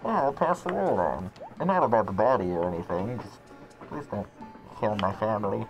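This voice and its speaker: A man's voice: lowish voice, expressive, normal speed, voice pushed down. A man reading aloud for a friendly, nosy male cat traveler in a video game, over game music. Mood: chummy. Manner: nosy, chummy small talk. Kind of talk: voicing game dialogue aloud.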